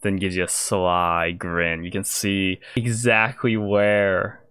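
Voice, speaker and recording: A man narrating a tabletop game as game master, describing scenes in relaxed detail with frequent fillers. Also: low voice, slow, smooth, no room sound.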